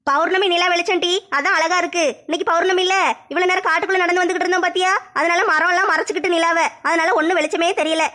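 Woman playing a prankster granny, fast scolding banter, squeaky high. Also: level tone, bright, forceful tone. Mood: teasing. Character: teasing old grandmother, prankster.

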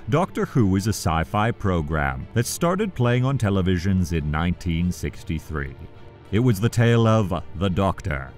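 A low-voiced man presents a scripted countdown video essay, animated and emphatic, drawing out the key phrases.

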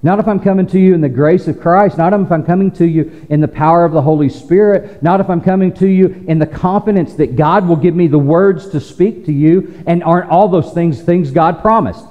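A man preaching a sermon as pastor, conversational with playful teasing asides and quick restarts. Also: fairly high pitch, big-room sound, dull audio. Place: church sanctuary.

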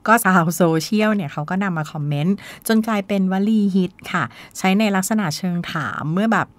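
A woman's voice: medium pitch, fairly quick, dry recording. A woman hosting a podcast, explaining new slang in a chatty, polite way and acting out the quoted phrases. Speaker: podcast host. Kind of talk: casual explainer talk.

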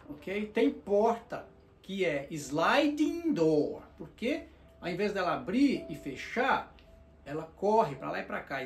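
A man teaching vocabulary in a bilingual lesson, repeating each word and checking in with "ok?". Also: fairly high pitch. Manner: repeats words slowly, checks in with "ok?". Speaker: language teacher. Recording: roomy echo, faint guitar music.

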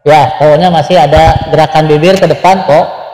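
A man teaching Quran recitation online, gently correcting students and chanting short examples. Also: on the high side, steady tone, roomy sound, big-room sound, low-quality recording. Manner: chanting examples slowly between plain explanations. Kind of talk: online tajweed lesson.

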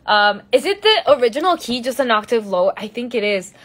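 Very animated and brisk, with a rather high, slightly bright voice, a young Mexican woman livestreams from her phone at arm's length in a big indoor room. Giggly and chatty, she answers fans while moving between Spanish and English.

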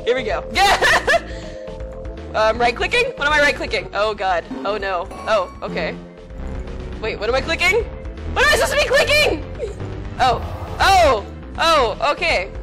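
A woman's voice: sits high, huge pitch swings, unhurried, long pauses. A woman giving playful, exclamatory gameplay commentary as a streamer, often self-mocking. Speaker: game streamer. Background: game music.

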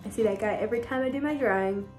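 Talking fast in a mid-range, slightly mellow voice, a young woman from New Zealand leads a casual tour of her home, moving between rooms and tossing in wry comments. She records on a phone held at arm's length while soft music plays in the background.

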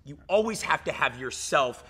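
A man's voice: on the high side, lively intonation, moderate pace, sharp tone, husky. A man in his thirties, a fitness coach talking in a casual podcast chat, hyped and swearing, saying "dude" and "like" a lot, recorded in a gym lounge. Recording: reverberant gym room.

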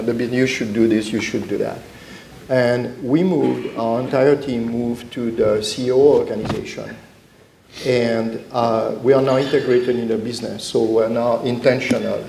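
A man's voice: mid-range voice, vocal fry, dark tone, echoey room, slight background noise, rough recording. A middle-aged man speaking as a panelist on a conference stage, explaining earnestly with frequent restarts. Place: conference stage before an audience.

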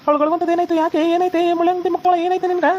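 A woman's voice: very high voice, little pitch movement, very fast, darkish tone, lo-fi sound, slight background noise. Woman voicing a scolding young husband. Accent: North Karnataka Kannada.

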